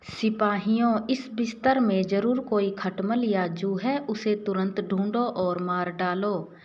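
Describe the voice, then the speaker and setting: A woman's voice: mid-range voice, slow pace, a little mellow, lightly acted. A woman voicing an angry king commanding his soldiers, in a slightly muffled recording. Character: angry king giving orders.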